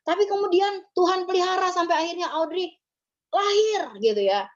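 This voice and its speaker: A woman's voice: extremely high pitch, moderate pace, lo-fi sound. A woman pastor giving a conversational memorial sermon, often ending her phrases with little tag words. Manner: conversational, tags phrases with ya and gitu.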